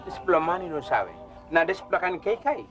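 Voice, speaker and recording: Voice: medium pitch, big pitch swings, moderate pace. A performer playing a bossy, bantering youngster, speaking Papua New Guinea pidgin with a Papua New Guinean accent in acted dialogue. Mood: complaining. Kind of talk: acted Tok Pisin dialogue. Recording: dull lo-fi sound under loud music.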